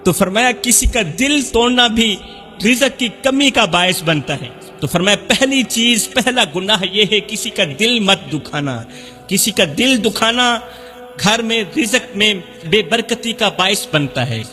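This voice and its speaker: A man's voice: high-pitched, animated, bright, forceful tone, in a large hall. A male Islamic preacher, giving an emotional sermon full of repeated lines that build to cries. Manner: impassioned, repetitive, rising to cries.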